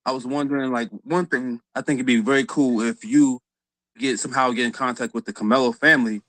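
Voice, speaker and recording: A man calling into a livestream show, speaking hesitantly and politely, with many pauses and ums. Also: mid-range voice, fairly even intonation, fairly bright tone, no room sound, rough recording. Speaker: caller. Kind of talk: casual call-in chat.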